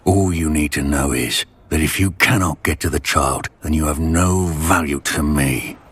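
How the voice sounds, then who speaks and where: A menacing goblin leader from a fantasy game, with an extremely low, husky voice. He is cold and commanding and speaks in threats. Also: moderate pace.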